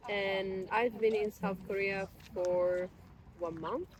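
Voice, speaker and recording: A woman's voice: medium pitch, fairly even intonation, slow, slight background noise, rough recording. A woman in her twenties, a guest in a casual chat outdoors in a park, explaining at length in a thoughtful, self-deprecating way. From Italy. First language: Italian.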